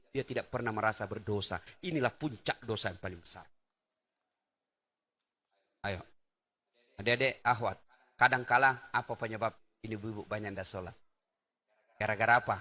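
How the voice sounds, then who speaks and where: A middle-aged man from Indonesia delivering a lively sermon, swinging between loud exclamations and soft asides. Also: fairly low pitch. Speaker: preacher. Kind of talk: lively sermon to a live audience.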